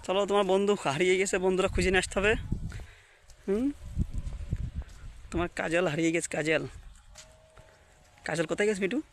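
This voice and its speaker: A man's voice: high-pitched, fairly even intonation, quick pace, pauses often, slight background noise. A man filming outdoors in fields and a flower garden, talking to his pet parrot in a coaxing, baby-talk way.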